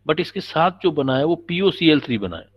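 A man's voice: a little high, very animated, brisk. A man teaching a chemistry class, patiently explaining and quizzing his students. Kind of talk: classroom lecture. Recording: dull lo-fi recording.

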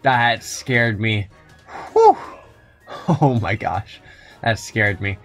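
A man's voice: on the low side, lively intonation, very slow, soft background music. A young adult man giving wry, joking commentary over a video game, often chuckling at his own asides. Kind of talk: let's play commentary.

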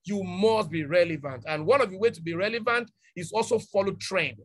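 A man's voice: high-pitched, brisk. A man, speaking emphatically on an online panel and repeating his key points. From Nigeria.

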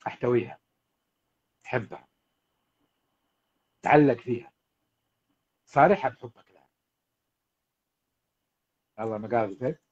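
A man's voice: medium pitch, measured pace, pauses often, a little mellow, muffled recording. A man, a marriage coach giving earnest advice to husbands on a livestream. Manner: earnest, exhorting, addresses husbands directly. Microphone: livestream setup.

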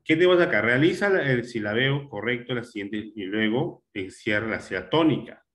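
A male teacher giving a classroom grammar lesson, explaining step by step, repeating words and often checking with a quick question. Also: medium pitch, lively intonation, a bit bright.

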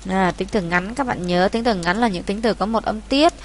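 Here a woman from Vietnam, talking at normal speed in a mid-range voice, takes students through an exam paper one step at a time and patiently revisits the main points. There's a faint hiss or hum on the recording.

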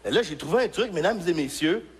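A male stand-up comedian from Quebec with a Québécois accent, telling stories on a live stage and shouting his punchlines. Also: sits high, fairly quick. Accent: Québécois French. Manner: animated storytelling with shouted punchlines.

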